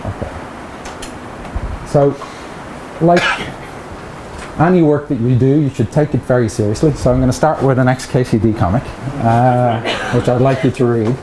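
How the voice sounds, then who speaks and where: A middle-aged Irish-accented man delivers a chatty academic seminar talk in a seminar room with a projector, tossing joking asides to the audience. He lectures at medium pitch and a moderate pace with long pauses. The room is echoey and has background noise.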